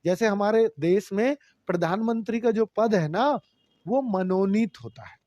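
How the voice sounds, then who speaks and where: A man's voice: sits high, a little slow, mellow, no room sound. A man teaching Hindi grammar in a live online class, patiently repeating rules and addressing students as children.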